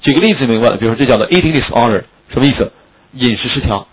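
A man's voice: medium pitch, lively intonation, slightly rough, narrow, tinny audio. A man teaching English vocabulary in a classroom lecture, joking and asking his students questions. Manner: quick, joking, asks students questions often.

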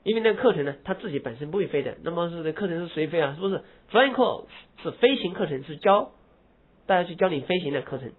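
A slightly high, husky male teacher giving a grammar lecture, his pitch swinging widely as he stresses example phrases. The sound is thin and tinny, like an old phone-line recording. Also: lively intonation. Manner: explains in Mandarin, drawls English example phrases slowly with heavy stress; rhetorical questions answered himself.

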